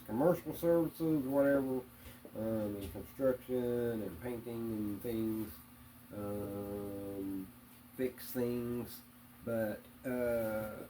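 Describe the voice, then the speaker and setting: A man answering interview questions in a hesitant, plainspoken way, with many pauses and fillers. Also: mid-range voice, mellow, slight background noise, poor audio. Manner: hesitant, many ums and uhs; plainspoken, religious. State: hiccups.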